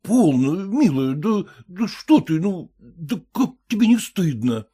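A woman's voice: fairly low pitch, sing-song, slow pace, dark tone, breathy edge, voice pushed up, heavily acted. A woman voicing a bewildered merchant husband in a storybook reading, pleading and flustered. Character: bewildered middle-aged merchant husband, meek.

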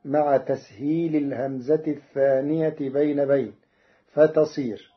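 A man presenting a scripted radio lesson on Quran readings. He speaks in a measured, deliberate way and draws out the verses he quotes. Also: medium pitch, fairly even intonation. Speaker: radio presenter explaining recitation variants. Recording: dull old radio broadcast recording.

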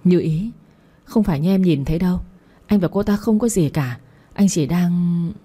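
A woman's voice: lowish voice, normal speed, warm tone, breathy edge. A woman voicing a shaken young husband who pleads with his wife to hear him out, in an audiobook story. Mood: pleading. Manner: pleading, trying to explain.

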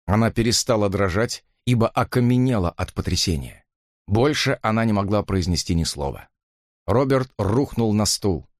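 A man reads a novel aloud in an expressive, dramatic way, and his voice rises and falls a lot. The recording is close and dry, with no room around it. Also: fairly low pitch, normal speed, dry recording. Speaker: narrator. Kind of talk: audiobook reading.

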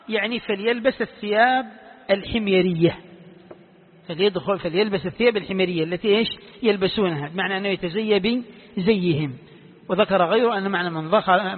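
A man teaching Quran commentary to a class, who repeats key phrases and quizzes his students with questions as he explains. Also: high-pitched. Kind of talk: classroom lecture. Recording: echoey hall, tinny phone-like sound.

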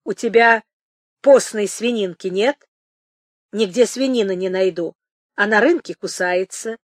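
A woman doing a loud, teasing, jovial boatman. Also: sits high, measured pace, no echo, studio quality. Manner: boisterous, bantering, snorting with laughter.

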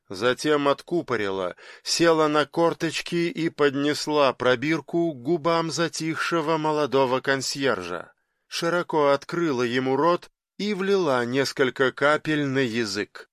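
A man narrating a dark fiction audiobook in a measured, dramatic storytelling manner. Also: on the high side, no room sound, studio quality.

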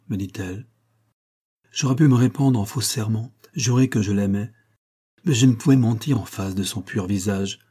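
Low, husky male audiobook narrator. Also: dark tone. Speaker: audiobook reader. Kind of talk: scripted narration of a novel.

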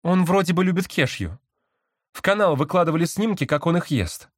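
A man's voice: on the high side, expressive, fairly quick, no echo, studio quality, pitched above the performer's own voice. A man voicing an insistent, indignant young woman activist in an audiobook.

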